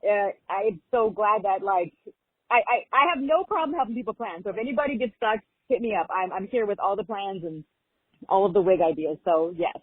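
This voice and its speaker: A woman's voice: mid-range voice, husky, no echo. A woman from Long Beach, California, leaving a rambling, gushing voicemail message over a landline phone. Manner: gushing, excited and chatty. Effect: heard over a landline phone. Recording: tinny phone-line voicemail.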